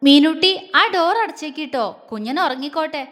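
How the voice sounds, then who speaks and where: A woman's voice: high voice, a little fast, fairly bright tone, in a large hall. A woman voicing a young man who talks to his wife tenderly and teases his sister, in a story reading. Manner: tender and affectionate, mock stern. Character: tender, teasing young husband.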